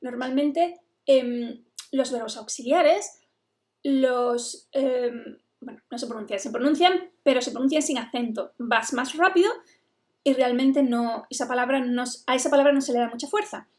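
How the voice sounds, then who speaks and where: A woman's voice: sits high, normal speed, a little mellow. A woman English teacher, patiently explaining a lesson. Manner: explains patiently, switching between English and Spanish.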